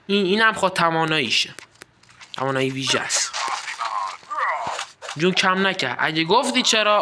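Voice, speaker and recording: A man's voice: high-pitched, background noise. A man chatting to viewers while playing a mobile card game, explaining moves and sometimes breaking into mock sports commentary. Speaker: gaming video creator. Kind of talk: casual gameplay commentary.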